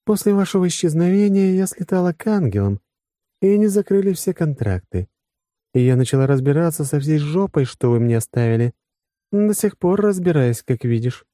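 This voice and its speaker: A man's voice: fairly high pitch, big pitch swings, fairly quick, dark tone, no room sound, studio quality, voice pushed up. A man voicing a young woman officer in an audiobook, teasing and touchy, flaring up over what she holds. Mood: wry. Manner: teasing, flaring into possessive outbursts. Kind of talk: audiobook character voice.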